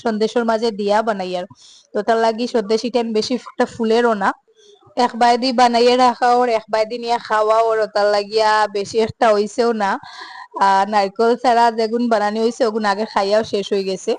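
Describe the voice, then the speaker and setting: A young woman with a Sylheti accent, chatting casually through her home vlog and filling pauses with little hesitation sounds. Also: on the high side, little pitch movement, a little mellow. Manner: chatty, mixes Sylheti and standard Bengali, many filler sounds. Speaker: home vlogger.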